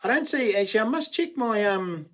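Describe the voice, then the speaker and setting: A man in his late forties speaks in a fairly high-set voice with a broad Kiwi accent. He hosts a casual livestream, talking to viewers in a relaxed, slangy, blokey manner. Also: brisk. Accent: broad New Zealand. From New Zealand. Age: late 40s. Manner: laid-back, blokey, slangy. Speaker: live stream host. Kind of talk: casual livestream chat, reading and answering comments.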